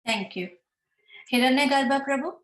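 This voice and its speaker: A woman's voice: sits high, normal speed, roomy sound. A woman moderating an online meeting, politely calling on each participant by name in brief phrases. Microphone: video call.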